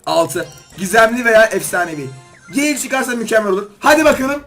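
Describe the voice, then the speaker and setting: A man doing excited gaming commentary as a YouTuber, pleading with and scolding the game while opening loot boxes. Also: high-pitched, fairly quick, faint music behind.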